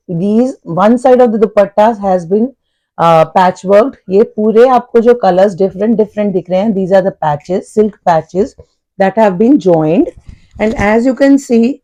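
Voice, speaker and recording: A woman with an Indian accent presents dupattas in a very slow, deliberate way. She explains each feature step by step and goes back to repeat and correct her points. Her voice sits at an ordinary middle pitch for a woman. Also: darkish tone, poor audio. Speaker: clothing seller presenting dupattas. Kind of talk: product showcase, switching between Hindi and English.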